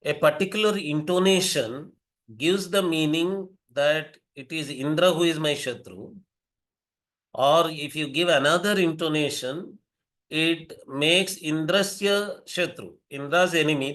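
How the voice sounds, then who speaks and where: Older Indian-accented male lecturer, slightly high voice, methodical and self-correcting. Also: fairly bright tone. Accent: Indian English. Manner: measured, repeats and rephrases himself, fillers. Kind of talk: explanatory lecture.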